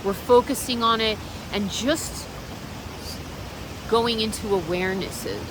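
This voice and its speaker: This meditation practitioner takes it slowly in her fairly high voice as she vlogs outdoors, unscripted and reflective, speaking encouragement straight to the viewer. Clear, steady background noise runs underneath.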